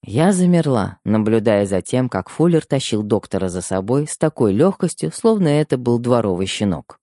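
Audiobook narrator, emotional, first-person, dark tone, dry. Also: medium pitch, big pitch swings, normal speed, no room sound.

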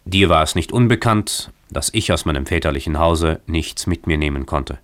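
A loving young wife with a soft, tender, lightly teasing way of speaking, read by a man in his own deep voice. The voice sits close and dry, as in a radio story reading. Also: moderate pace, dry recording.

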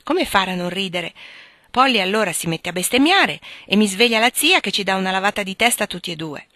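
A woman's voice: mid-range voice, expressive, brisk, sharp tone, no room sound, clean studio sound. A woman reading as a prim earnest young girl.

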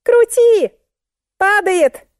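Here is a chubby, excitable client in an audiobook, voiced by a woman narrator. She squeals and shrieks as soon as something frightens her, and her high, bouncy voice swoops widely. The tone stays mellow, recorded close and dry. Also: moderate pace, no echo. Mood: panicked. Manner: squealing and shrieking when alarmed. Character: plump excitable female fitness client. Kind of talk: audiobook character voice.

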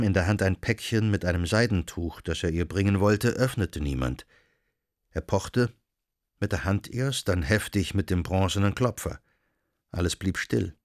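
A male narrator reads a literary novel aloud with measured, expressive phrasing. His voice sits on the low side and is recorded close and dry, with no room around it. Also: dry recording. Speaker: audiobook narrator.

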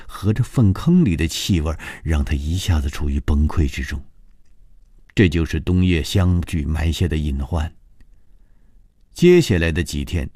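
A male narrator reading a horror novel aloud in measured, scripted storytelling with dramatic rises. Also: low voice, warm tone, breathy edge, no echo, clean studio sound. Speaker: audiobook narrator.

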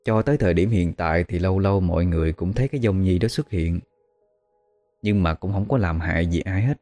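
A man with a Southern Vietnamese accent narrates a ghost story in a very low, dark, mellow voice. He speaks in a measured way, pausing on fillers as he goes. Faint music runs quietly behind him. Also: no echo. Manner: slow, measured, hesitant with fillers.

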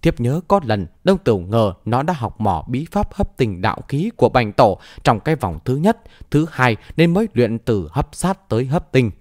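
A shrewd young immortal maiden, as a male narrator puts her on, who answers in a soft, knowing way. The storybook voice moves lightly in pitch and sounds dry and near. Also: big pitch swings, normal speed, no echo, lightly acted. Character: quick-witted young female immortal maiden.

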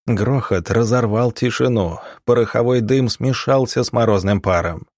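A man narrating an audiobook with steady, dramatic storytelling. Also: medium pitch, normal speed, dry recording, clean studio sound. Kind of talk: scripted narration.

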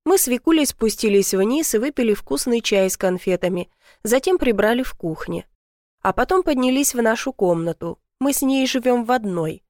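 Higher-voiced woman reading a story. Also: animated, moderate pace, darkish tone, dry recording, studio quality. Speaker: narrator. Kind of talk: first-person story narration.

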